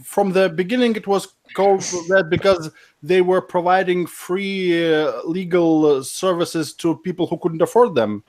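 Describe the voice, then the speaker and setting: A man's voice: sits high, measured pace, a little mellow, low-quality recording. A man hosting a casual podcast, laughing often and sounding incredulous.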